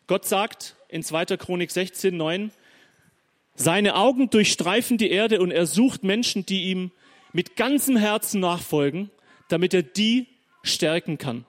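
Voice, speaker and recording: A man preaching a sermon, telling Bible stories in a lively, chatty way and briefly acting out the people in them. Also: high-pitched. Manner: lively storytelling, acting out biblical figures in quick asides.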